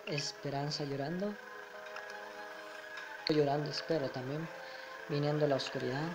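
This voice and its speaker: A man's voice: on the high side, fairly even intonation, unhurried, over music. A young man with a Spain Spanish accent commenting casually over a game, chuckling and reading the dialogue aloud. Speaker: gamer. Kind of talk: let's play commentary.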